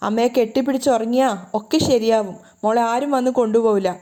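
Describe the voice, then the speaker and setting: A tender mother full of guilt, coaxing her child with soft, soothing words, as a woman narrator puts her on. The voice is mellow and a touch high, and it moves quickly. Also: fairly even intonation, natural voice.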